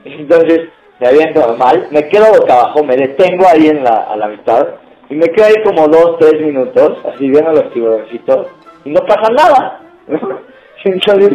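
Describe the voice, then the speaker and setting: A young man with a Mexican accent telling a funny story to friends in casual, slangy talk, laughing and acting out shouts. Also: on the high side, lively intonation, moderate pace, reverberant, soft background music, rough recording. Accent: Mexican Spanish.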